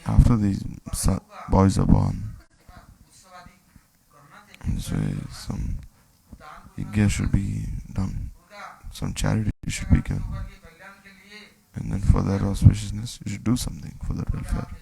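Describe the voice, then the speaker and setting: A man gives a devotional talk. His low voice is heavily gravelly. He retells scripture stories, voicing the dialogue as he goes. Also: lively intonation, unhurried, long pauses, mellow, poor audio. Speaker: spiritual teacher.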